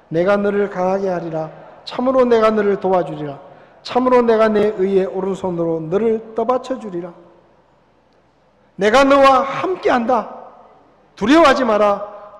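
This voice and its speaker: High-voiced pastor preaching in a big hall. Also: male voice. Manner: swells loud and slows on scripture, drops to a hush on key words. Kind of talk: sermon. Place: church sanctuary. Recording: long church hall reverb.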